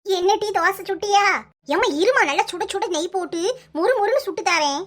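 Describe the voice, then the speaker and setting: A woman's voice: very high voice, expressive, fairly quick. A woman voicing a kindly older village woman in a cartoon, talking at length to scold and reassure, with a Kanyakumari Tamil accent. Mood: bossy.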